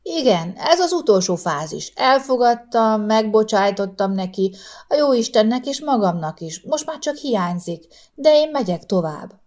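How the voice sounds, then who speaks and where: A woman's voice: fairly high pitch, lively intonation, a little mellow, pitched above the performer's own voice, close to an everyday voice. A woman voicing a cheerful, talkative old widow in a spoken storybook. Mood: serene. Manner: talkative, brisk.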